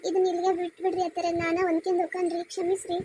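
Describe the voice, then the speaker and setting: A woman's voice: very high-pitched, monotone, rapid-fire, dark tone, a little hiss or hum. Woman playing a pleading young daughter-in-law. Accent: North Karnataka Kannada. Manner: pleading, polite.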